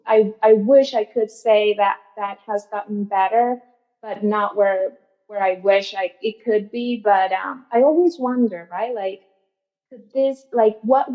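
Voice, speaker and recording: A woman, earnest and a little hesitant as she reflects on her work. Her pitch sits mid-range for a woman. The audio is slightly muffled and lo-fi. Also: darkish tone. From Venezuela. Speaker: guest therapist. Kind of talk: casual interview answers.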